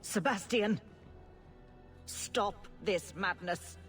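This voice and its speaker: A woman playing a calm, older religious leader who speaks in slow, measured pleas. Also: medium pitch, faint music behind. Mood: grave, pleading.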